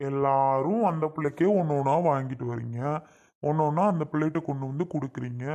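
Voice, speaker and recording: Teasing elder brother, woman doing the part, low voice, mock-scolding family skit. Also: fast talker, mellow, lo-fi sound. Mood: mock complaint. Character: teasing elder brother, middle-aged man.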